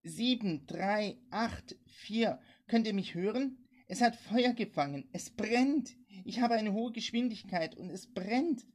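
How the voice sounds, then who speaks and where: A frightened woman screams for rescue over a crackling CB channel, her voice pitched high above the reader's own and rising into loud, sobbing pleas. A woman reader puts her on with a husky edge. The delivery stays frantic and desperate throughout. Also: expressive, takes it slowly, hardly any pauses. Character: terrified woman calling for help over CB radio.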